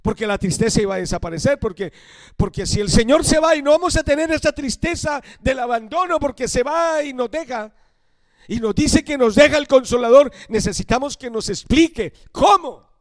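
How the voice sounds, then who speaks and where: An older man from Colombia preaching a sermon as a missionary, emphatic, slowing and dropping to a hush on key phrases. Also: extremely high pitch, animated, no room sound.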